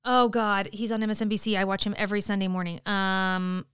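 A woman's voice: mid-range voice, level tone, brisk, fairly bright tone, clear, resonant tone, no room sound, studio quality. A woman co-hosting a podcast in casual chat, enthusiastic and swearing freely. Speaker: podcast co-host.

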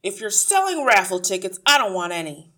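A woman's voice: medium pitch, very animated, fairly quick, sharp tone, voice pushed up. A woman voicing a small, irritable, dismissive man in a storybook, barking his words impatiently. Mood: brusque, suspicious. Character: small ratty irritable dismissive man, a gruff suburban father. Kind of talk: acted audiobook dialogue.

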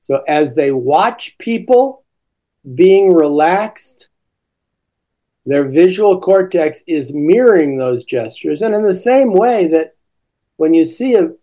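An older man, a teaching coach, explaining classroom ideas slowly in a relaxed podcast conversation. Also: a little high.

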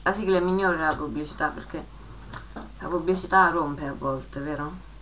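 A woman hosting a casual show, chatting to viewers and reading a rhymed joke aloud with lively emphasis. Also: low voice, normal speed, slight background noise, poor audio. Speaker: host.

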